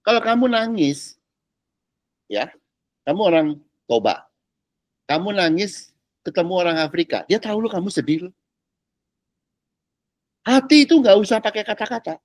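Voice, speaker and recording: A man's voice: high voice, sing-song, normal speed, long pauses, dry recording, studio quality. A man, a pastor, teaching a discipleship class in a casual, chatty way, mixing in slang and English and keeping on asking whether his listeners follow. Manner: chatty, keeps checking the class understands, drops English words; uses casual Jakarta slang. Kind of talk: informal teaching talk.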